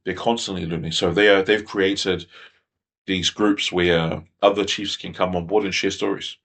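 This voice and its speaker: A man's voice: low-pitched, level tone, a little slow, fairly bright tone. A man, a podcast guest talking in a thoughtful, reflective way and often repeating phrases as he thinks. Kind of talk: casual conversational interview.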